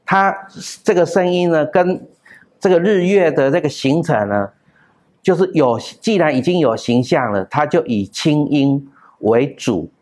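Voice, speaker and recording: A man giving a classroom lecture on classical texts, explaining step by step with drawn-out particles and sung example tones. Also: a little high, lively intonation, darkish tone. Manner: explains with pauses, drawn-out particles, chants and hums sounds.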